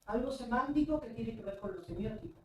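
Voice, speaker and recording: Woman, audience comment, thinking aloud, higher mellow voice, distant echoey recording. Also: lively intonation, a little fast. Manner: thinking aloud, searching for words. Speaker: seminar attendee. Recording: distant, echoey audience mic with faint room noise.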